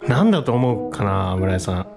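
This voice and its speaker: A man's voice: lowish voice, sing-song, fairly quick, gravelly, music in the background. A young man doing casual prank commentary, recorded by a camera in a hotel room. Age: young adult. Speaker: prankster presenting a video.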